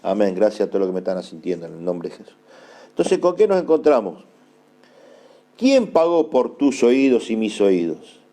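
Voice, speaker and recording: A man preaching a sermon in an Argentine accent, emphatic and repeating key phrases slowly for his listeners to note down. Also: fairly low pitch, very animated, warm tone. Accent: Argentine Spanish. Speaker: apostle preaching.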